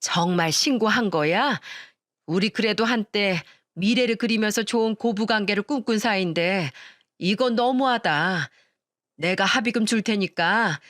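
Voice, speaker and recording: A woman's voice: normal speed, a bit bright, no room sound, studio quality, lightly acted. A woman voicing a furious, threatening middle-aged mother-in-law who shrieks curses in a radio story. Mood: pleading. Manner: shrill, threatening, cursing.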